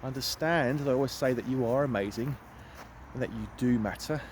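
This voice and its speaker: A middle-aged man talks straight to his phone while walking outdoors, earnest and emphatic, often repeating his words for emphasis. His voice sits at an ordinary middle pitch. Faint outdoor noise runs under the recording. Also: fairly quick. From United Kingdom. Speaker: empowerment coach. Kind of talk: walking vlog monologue. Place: outdoors in woods.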